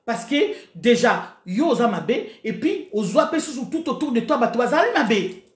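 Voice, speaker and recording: This woman, a Congolese-accented video host from the DRC, rants with passion about politics to her online followers at a normal speed. Her fairly high voice is animated, and the room echoes. She mixes Lingala and French, exhorting her audience and stressing phrases through repetition.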